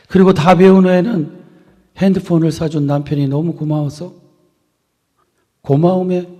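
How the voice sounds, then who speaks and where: A male pastor preaching a sermon to his congregation in a church, building phrases up with emphasis and letting them fall soft at the ends. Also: on the high side. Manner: earnest preaching with swelling emphasis and soft trailing endings. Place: church sanctuary. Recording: long reverb of a church hall.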